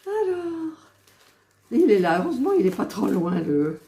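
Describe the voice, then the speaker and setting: Hunting for lost pieces during a craft vlog, a woman mutters to herself and throws exasperated remarks at her viewers. She talks fast in a lowish, dark voice with big pitch swings, and the echoey room carries faint noise.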